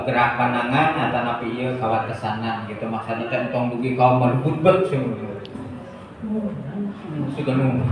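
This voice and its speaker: A man's voice: mid-range voice, a bit bright. Man, workshop teacher, casual chuckling explanations, echoey room, distant mic, faint noise. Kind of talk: workshop instruction.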